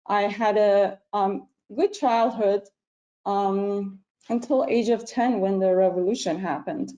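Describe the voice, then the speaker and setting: Mellow-voiced middle-aged woman from iran, halting, lots of ums, video call talk. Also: medium pitch, fairly even intonation, rough recording. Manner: earnest, halting with frequent ums. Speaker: physician speaker. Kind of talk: personal presentation to a video call audience.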